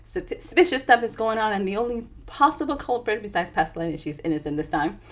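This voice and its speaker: Talking directly to viewers in a live session, a woman author with a Dominican accent chats animatedly and then reads from her book. Her voice is medium in pitch, and she speaks a bit fast.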